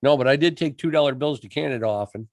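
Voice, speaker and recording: Sex: man. Origin: from Michigan. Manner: deadpan joker. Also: medium pitch, quick pace, dry recording. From Michigan, USA. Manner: deadpan, tall-tale joking. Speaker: podcast co-host. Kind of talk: casual chat.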